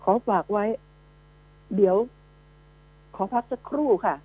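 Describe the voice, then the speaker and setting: A woman's voice: medium pitch, takes it slowly. A woman hosting a radio news commentary show, scolding and emphatic, firing rhetorical questions at her listeners. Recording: narrow phone-like radio line with mains hum.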